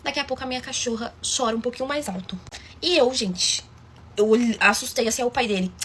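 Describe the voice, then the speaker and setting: A woman's voice: fairly high pitch, a little fast, fairly bright tone, slight background noise. A woman telling a story in a chatty, dramatic way, often calling out to her listeners. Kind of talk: casual storytime.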